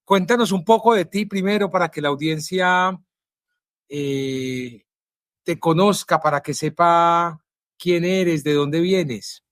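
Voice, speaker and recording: A male journalist with a Colombian Spanish accent, introducing his guest and asking questions in a measured, earnest way with frequent pauses. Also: a little high, no room sound, clean studio sound. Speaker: journalist and interviewer.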